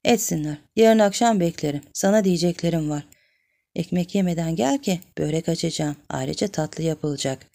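A woman's voice: fairly low pitch, normal speed, vocal fry, warm tone. A woman voicing a jealous, demanding village woman who nags and accuses. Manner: nagging, accusing.

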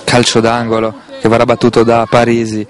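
A man with an Italian accent giving live football play-by-play in a measured, detailed way, sometimes correcting himself. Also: medium pitch, monotone. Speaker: football commentator. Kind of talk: live play-by-play match commentary.

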